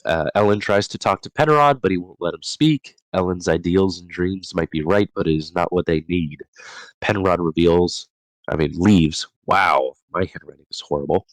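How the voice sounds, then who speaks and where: A man's voice: low-pitched, moderate pace, no room sound, rough recording. A man hosting a casual book discussion, reading chapter summaries from his notes and often stumbling and correcting himself.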